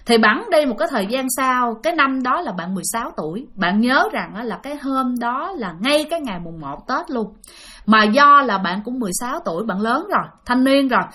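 A woman's voice: fairly high pitch, pushed and bright. A woman retelling a ghost story, chatting and speaking straight to her listeners. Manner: chatty, addresses listeners directly.

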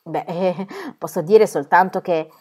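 A woman voicing a middle-aged older brother who speaks in a gruff, patronising way. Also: fairly low pitch, fairly even intonation, a little slow, a little mellow. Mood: brotherly. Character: Harry, a middle-aged man, teasing but businesslike older brother.

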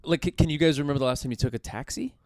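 A man co-hosting a casual podcast chat, animated and quick to jump in. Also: a little high, no room sound. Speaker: podcast co-host.

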